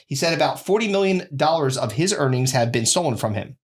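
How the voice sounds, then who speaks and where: A man's voice: mid-range voice, lively intonation, fairly quick. A male podcast host tells stories in casual banter. He is sardonic and emphatic, with a crude comic streak.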